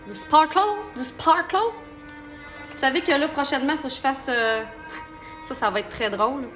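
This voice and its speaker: Québécois lady doing a live makeup tutorial, high bright voice, chatty, walks you thru every step. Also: brisk, soft background music. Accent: Québécois French. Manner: chatty, talks viewers through each step. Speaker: makeup artist.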